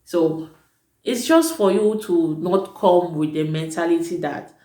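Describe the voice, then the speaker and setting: A woman with a lowish, dark-toned voice speaks without hurry in an echoey room. She teaches at an international school and gives prospective students casual vlog advice, chatty and emphatic, often correcting herself mid-sentence.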